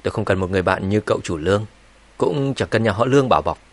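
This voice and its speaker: A man's voice: on the low side, animated, fast. A man reading a cold, scornful young hero. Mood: mocking.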